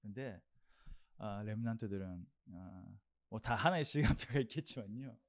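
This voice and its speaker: A man's voice: lowish voice, moderate pace. A young man preaching a sermon, earnest and repetitive, leading the congregation in declarations. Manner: earnest, repeats phrases, leads the congregation in declarations.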